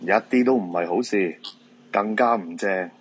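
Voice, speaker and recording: In a radio drama, a man with a Hong Kong Cantonese accent plays a weary middle-aged feng shui master and father. His husky, low-pitched voice moves at normal speed, and he sounds resigned, down-to-earth, weary and uneasy.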